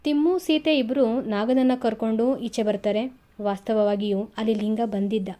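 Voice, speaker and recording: A woman narrating a short story aloud in an expressive, conversational way. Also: medium pitch.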